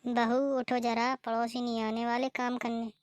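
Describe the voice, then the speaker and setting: Woman playing a scolding cartoon mother-in-law, middle-aged, high-pitched, monotone. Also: moderate pace, dry recording, lightly acted. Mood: grumbling. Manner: nagging, scolding. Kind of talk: cartoon voice acting.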